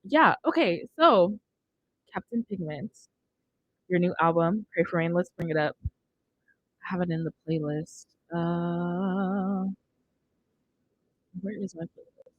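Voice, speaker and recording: This young adult radio host, an American woman, leads a relaxed podcast conversation in an indoor studio, speaking close to a boom-mounted microphone. She sounds on the low side and slow, pausing often, and the recording is muffled.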